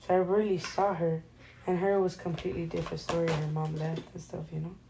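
A young woman co-hosting a casual podcast chat, talking softly and rambling with many fillers. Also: on the low side, flat delivery, quick pace, vocal fry, noisy background. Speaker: podcast co-host.

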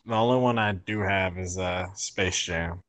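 A man's voice: sits low, unhurried, a bit bright. An American man bantering casually on a podcast, speaking colloquially and repeating himself for emphasis.

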